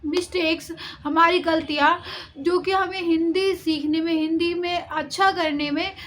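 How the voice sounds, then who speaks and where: A woman teaching a Hindi spelling lesson, breaking words into syllables and repeating each one slowly and carefully. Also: extremely high pitch, fairly even intonation, fairly bright tone, poor audio. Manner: slow, careful syllable-by-syllable pronunciation drills.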